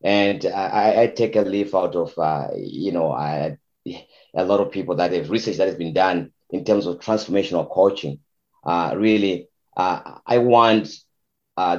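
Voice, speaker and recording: A man from Zimbabwe coaching youth soccer, talking through interview answers with a very low voice. He stumbles and repeats words, with lots of fillers. The sound is dull and lo-fi. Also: normal speed.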